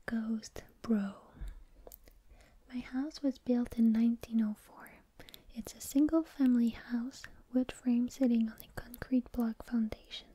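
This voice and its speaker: A woman whispering in a breathy, unvoiced voice, reading stories and rambling informally in an unhurried ASMR style. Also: a little high, steady tone, dark tone.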